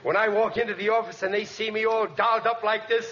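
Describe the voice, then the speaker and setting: A man playing an excitable, boastful, dim family man in a 1940s radio sitcom, stammering and blustering with bad grammar. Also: high voice, fast. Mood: fussy, self-important. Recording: noisy, dull 1940s radio recording.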